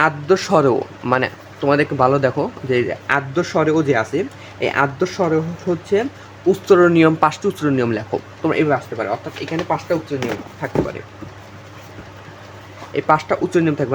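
A man's voice: on the high side, slight background noise. A young man from Bangladesh tutoring students for an exam, talking to them directly, repeating himself and filling gaps with fillers. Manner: repetitive, addresses students directly, many fillers. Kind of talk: informal exam-prep lesson.

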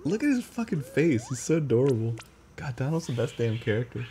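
A man giving loose, profane live commentary over a game he is playing, often breaking into loud, high yelps of excitement. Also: fairly quick, noisy background. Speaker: streamer.

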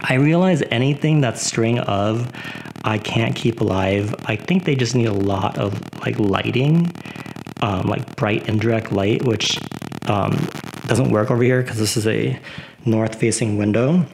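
A man's voice: on the low side, gravelly, slight background noise, poor audio. A man giving a casual tour of his houseplants at home, rambling with lots of fillers. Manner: relaxed, unhurried. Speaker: plant vlogger.

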